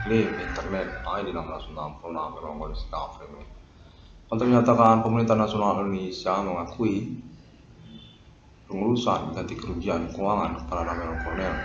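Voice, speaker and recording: A man reading a stiff, repetitive formal statement with long pauses. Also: low voice. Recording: lo-fi roomy recording with noise.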